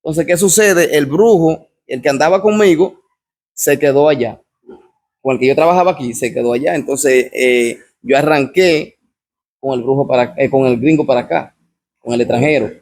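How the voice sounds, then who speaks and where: A man with a Dominican accent recounting his personal testimony as a guest, telling the story step by step and often pausing to ask what happens next. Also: medium pitch, darkish tone. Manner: repetitive storyteller, keeps asking "what happens?".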